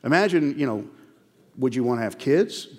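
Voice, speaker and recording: A man's voice: medium pitch, normal speed, big-room sound. A man preaching a sermon, telling a personal story and acting out both sides of the conversation. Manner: animated storytelling, acts out dialogue. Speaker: pastor.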